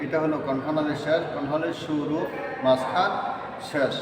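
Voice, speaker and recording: A man's voice: fairly high pitch, steady tone, moderate pace, crowd noise. A man teaching Quran letter pronunciation in a lesson. He goes step by step and repeats each letter three times. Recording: echoey hall from far off.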